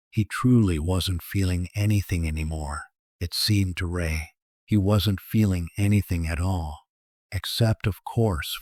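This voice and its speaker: Deep, slow male horror narrator. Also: darkish tone, dry recording, clean studio sound. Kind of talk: scripted narration of a horror story.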